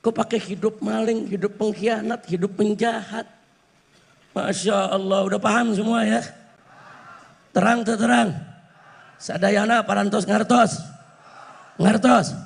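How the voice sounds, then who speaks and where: Fiery high-voiced gravelly male preacher. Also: fairly even intonation, measured pace, long pauses. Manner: shouting, repetitive chanted lists, rallying the crowd; keeps addressing listeners as brothers. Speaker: Islamic preacher. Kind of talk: fiery political sermon. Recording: long hall reverb.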